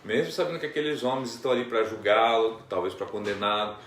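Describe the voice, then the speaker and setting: A man's voice: lowish voice, steady tone, quick pace, a bit bright. A man, a pastor, explaining a Bible passage in a conversational teaching style, often checking in with his listener. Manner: explanatory, many tag questions. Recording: echoey room, distant mic.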